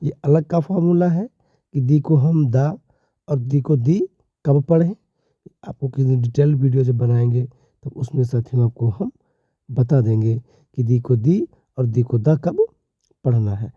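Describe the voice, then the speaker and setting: A man teaching a slow, deliberate lesson who keeps addressing his viewers as companions. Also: medium pitch, husky, no echo. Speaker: English teacher. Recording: dull lo-fi recording.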